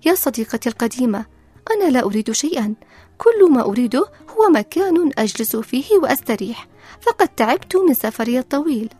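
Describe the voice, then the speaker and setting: Woman playing a bent old man, weary, quiet, husky, storybook. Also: high voice, sing-song, quick pace, faint music behind, full character voice. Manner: weary and soft. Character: tired, bent old man, gentle and worn. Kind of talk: storybook narration.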